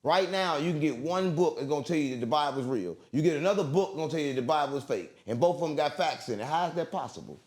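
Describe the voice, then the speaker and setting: A man with a slightly high, expressive voice talks fast and barely pauses. He's an interview guest delivering a rambling conspiratorial monologue full of street slang and profanity, repeating himself with emphasis.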